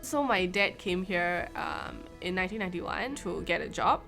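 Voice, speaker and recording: A woman, answering calmly and matter-of-factly. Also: lowish voice, normal speed, creaky, music in the background. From Myanmar. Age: 20s. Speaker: interviewee. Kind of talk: casual interview answers.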